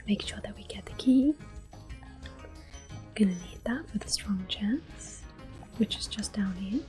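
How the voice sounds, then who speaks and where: Playing through a video game as an ASMR host, a woman whispers in a soft, breathy, medium-pitched voice. Her tone is dark, mellow and expressive, gentle and unhurried, and faint music sits in the background.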